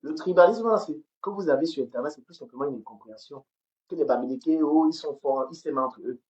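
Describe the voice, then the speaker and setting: A woman's voice: low-pitched, fast, a little mellow, dull audio. A woman from Cameroon, hosting a livestream and ranting angrily, repeating herself and stumbling over words. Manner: heated, repetitive, stammers on words. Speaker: livestream host. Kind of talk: angry livestream rant. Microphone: phone camera.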